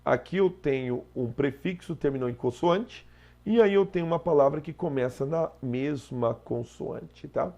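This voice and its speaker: A man's voice: on the high side, normal speed, creaky, dark tone, lo-fi sound. A Brazilian Portuguese-speaking man teaching an exam prep lesson, explaining step by step and checking in with "tá?" after each point.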